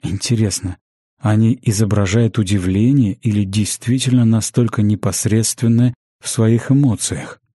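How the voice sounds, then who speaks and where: A man narrating a fantasy audiobook in a measured, even storytelling manner on a close studio mic. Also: fairly low pitch, breathy edge, no room sound.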